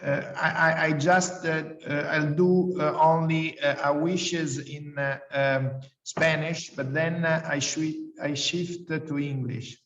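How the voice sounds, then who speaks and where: A man joining an online session over a video call, speaking haltingly with many fillers. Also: on the high side, steady tone, a bit bright. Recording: echoey, distant, dull video-call audio.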